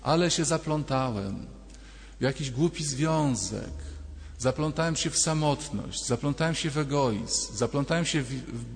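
Expressive and unhurried, a mid-range male voice delivers a sermon in a church, its sound stretched by long reverb. The priest narrates stories in a conversational way, voicing short exchanges between characters.

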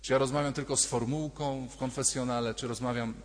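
Priest preaching in a reverberant church. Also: male voice, mid-range voice, fairly even intonation, a little fast. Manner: conversational, addresses congregation directly with anecdotes and questions. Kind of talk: sermon at mass.

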